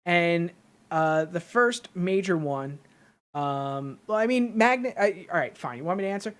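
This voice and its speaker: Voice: mid-range voice, expressive, a little slow, fairly bright tone. A podcast host giving solo commentary, rambling and thinking aloud while working through theories.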